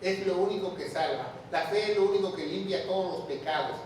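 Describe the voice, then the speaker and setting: A pastor preaches a Bible teaching sermon with emphasis, repeating key phrases and firing rhetorical questions at his listeners. His voice is high, brisk and darkish, with a slight hiss or hum. It's a church or large hall streamed online, very echoey, and he's far from the mic.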